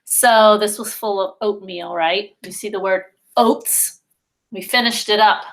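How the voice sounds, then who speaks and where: Leading young kids through virtual circle time, this preschool teacher talks slowly, drawing out her words in a sing-song manner. She has a medium-pitched, steady voice.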